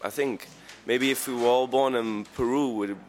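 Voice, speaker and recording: A man, a band singer, answering interview questions in a halting, joking, thoughtful way. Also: medium pitch, fairly even intonation, a little hiss or hum. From Luxembourg and Spain. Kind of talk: casual interview chat.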